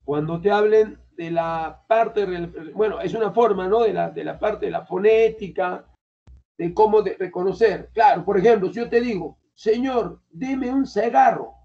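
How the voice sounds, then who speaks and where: High-voiced teacher quizzing students. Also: male voice, normal speed, creaky, dark tone. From Peru. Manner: colloquial, keeps quizzing students. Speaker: language teacher. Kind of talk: classroom lecture. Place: classroom. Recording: dull lo-fi classroom recording.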